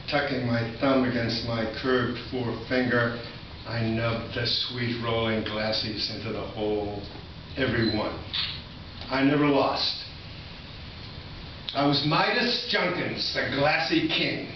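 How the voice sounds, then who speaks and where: Here the older Massachusetts poet reads slowly in a medium-pitched voice, drifting into informal reminiscences during his live set at an indoor college venue. Recorded from afar, the sound is echoey and noisy, with the highs cut off.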